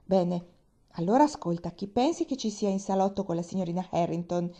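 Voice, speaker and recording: A woman voicing Nancy, an excited young housemaid full of gossip, in a storybook reading. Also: on the low side, a little fast. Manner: excited, breathless, insistent.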